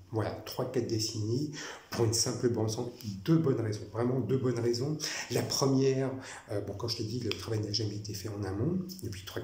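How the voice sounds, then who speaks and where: A man from France, with a medium-pitched, mellow voice, delivers a rambling personal monologue. He speaks haltingly, using many fillers and restarts and repeating himself, in an echoey room with faint noise.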